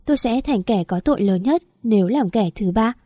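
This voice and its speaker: A woman reading the part of a hurt, defiant young woman in an audio story, with a mellow voice. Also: on the high side, lively intonation, brisk, no room sound, clean studio sound. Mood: wounded. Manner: pleading, defiant.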